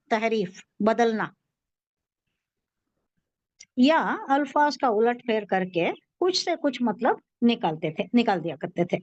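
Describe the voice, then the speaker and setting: High-voiced woman teaching Quran lessons. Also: darkish tone, dry recording, lo-fi sound. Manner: explains terms, asks and answers own questions. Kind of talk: tafseer lesson.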